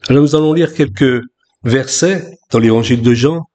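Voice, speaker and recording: Preaching casually with frequent restarts, this man is a pastor from France in his sixties. His voice is mid-range and his speed normal.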